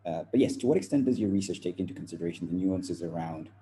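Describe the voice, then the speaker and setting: A man's voice: low voice, fast talker, dark tone, slight background noise. A young man from Zimbabwe, a student interviewing a professor, speaking hesitantly with many fillers.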